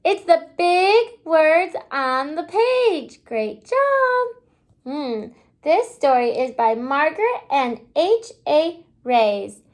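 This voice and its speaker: A woman teaching kindergarten gives a slow, lively read-aloud in a high voice. She keeps her young audience engaged with pauses and questions throughout the lesson.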